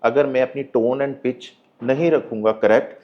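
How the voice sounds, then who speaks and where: A man's voice: medium pitch, fairly even intonation, measured pace. Man coaching on a podcast, emphatic, mixes in english lines, kinda muffled sound. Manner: earnest, emphatic, mixes Hindi with English phrases. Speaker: life coach and hypnotherapist guest. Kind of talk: podcast interview, advice talk.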